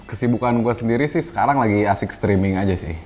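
Laid-back low-voiced young man. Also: fast talker, darkish tone. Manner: laid-back, hesitant, many fillers. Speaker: streamer guest. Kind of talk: casual chat.

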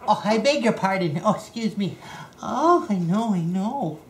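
Lady doing baby talk to her pups, pitch all over the place, echoey room with a bit of hiss. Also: animated, unhurried. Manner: sing-song baby talk, greeting puppies by name. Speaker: dog breeder filming her puppies. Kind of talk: cooing at puppies, casual home video. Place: indoors at home by a puppy pen. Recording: roomy room, faint background hiss.

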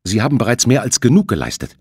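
A man's voice: medium pitch, sing-song, fast, husky, no room sound, clean studio sound, voice pushed up. A man playing a shaken, insistent ship owner. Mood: urgent. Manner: agitated, insistent.

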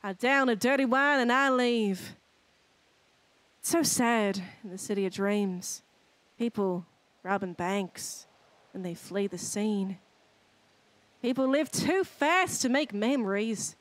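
A woman's voice: a little high, slow pace, long pauses, no echo. A young woman giving a theatrical, mock-passionate dramatic read of lyrics in a roleplay game, close on the mic. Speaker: GTA roleplay streamer in character.

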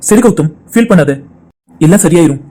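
Cartoon role: a man doing a loyal, reassuring friend, high-pitched, brisk. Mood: consoling. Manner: calm, consoling. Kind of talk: cartoon voice acting.

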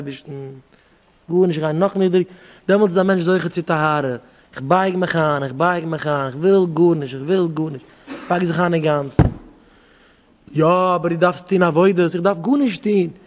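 High-voiced rabbi in a reverberant hall. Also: male voice. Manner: animated, acts out back-and-forth dialogues. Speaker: rabbi giving a talk.

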